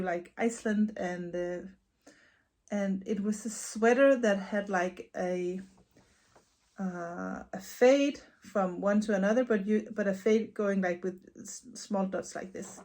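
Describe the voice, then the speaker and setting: Recorded at home, this casual knitting vlog features a Danish woman, a yarn dyer and vlogger, responding to questions from her viewers. Her mid-range voice carries a Danish accent, and her talk is chatty, dotted with soft laughter and repeated words.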